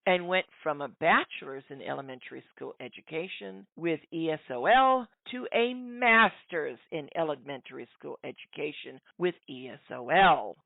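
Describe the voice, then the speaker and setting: A woman's voice: lowish voice, vocal fry, no room sound. A middle-aged woman giving a sarcastic political commentary monologue, often calling her listeners folks. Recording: dry, tinny phone-like sound.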